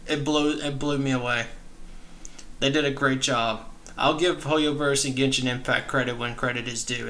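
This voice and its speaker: Here a young man reacts to a video from a small room at home, his bright, forceful, medium-pitched voice carrying casual enthusiasm. He often reworks his phrasing mid-thought.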